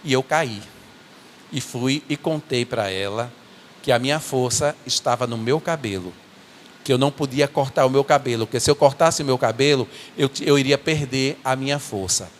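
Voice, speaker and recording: A man playing a remorseful biblical strongman, telling his own downfall in a halting, earnest first-person church monologue. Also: medium pitch, slight background noise, close to an everyday voice. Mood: rueful. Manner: earnest, halting storytelling with repeated words. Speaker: church performer. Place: church sanctuary. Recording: echoey church hall.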